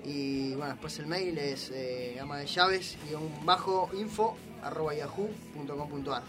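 High-voiced young Rioplatense man. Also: normal speed, over music. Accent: Rioplatense Spanish. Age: 20s. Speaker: band member guest. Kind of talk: casual radio chat.

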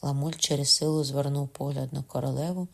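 A man narrating a historical novel, his voice mid-pitched with a noticeable gravelly rasp. The reading is steady and measured, in even storytelling rhythm. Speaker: audiobook narrator. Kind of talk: scripted literary narration.

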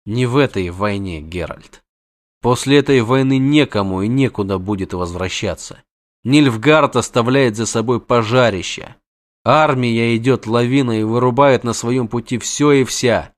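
A man's voice: mid-range voice, normal speed, lightly acted. A man voicing a panicky, talkative young male bard who pleads in breathless exclamations. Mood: grave.

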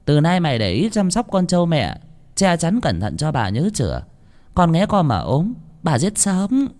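A man doing a shrill bossy chief's wife. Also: huge pitch swings, moderate pace. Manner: sharp, bossy, high-pitched. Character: cruel shrewish wife of a village chief.

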